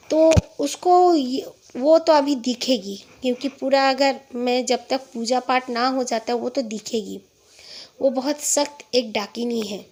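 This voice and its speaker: A woman with a somewhat high voice recounts a horror tale about her father in a relaxed, conversational way. She voices every character's words herself without changing into them. Along the way she hesitates and restarts, and she sinks into a quieter, slower tone for the frightening moments. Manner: retells quoted dialogue in her own voice, with fillers and restarts. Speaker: storyteller. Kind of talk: casual spoken horror story.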